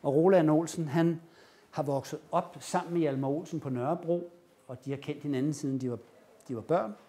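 Man, lecturer, fairly high voice, animated storytelling, acted-out quotes. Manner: animated retelling, acting out quoted lines. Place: lecture room.

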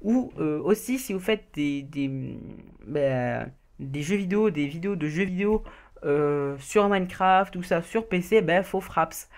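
A woman's voice: fairly low pitch, animated, measured pace. A woman giving casual beginner tips as a voice-over, reading from notes, often stumbling, restarting and laughing at her own slips. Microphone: home recording mic.

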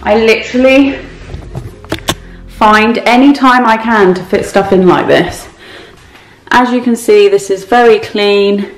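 Indoors at home, a chatty, self-mocking cleaning vlogger tidies as she moves through her kitchen and rooms for a casual clean-with-me video. Her voice sits fairly high, measured, with long pauses, echoing in the kitchen and recorded on a camera mic she holds or sets on the counter.

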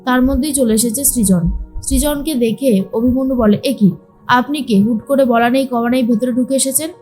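A woman's voice: on the high side, normal speed, mellow, soft background music. A woman narrating a recap of a TV serial, retelling the scenes and quoting each character's lines with light voice shifts.

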